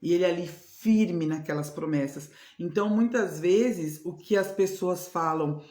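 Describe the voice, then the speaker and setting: A woman's voice: fairly low pitch, a little slow, mellow. A woman with a Brazilian Portuguese accent, a spiritual mentor giving a devotional teaching talk in an earnest, repetitive way, often checking in with tag questions. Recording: roomy echo.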